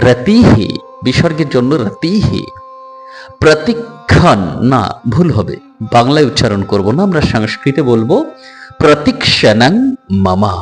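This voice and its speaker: A man with a Bengali accent teaches pronunciation, taking words apart syllable by syllable at a slow pace. His pitch moves a lot from phrase to phrase, and faint music plays behind him. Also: a little mellow. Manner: patient, instructive. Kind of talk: pronunciation lesson.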